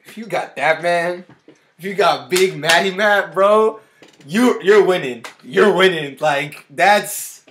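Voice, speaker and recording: A young man in his twenties hosting a music reaction video, excitable and often cutting himself off to react, recorded in a small room on a webcam. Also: high voice, takes it slowly, a little hiss or hum. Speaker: music reaction channel host. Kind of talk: casual reaction commentary. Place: small indoor room with a guitar on the wall.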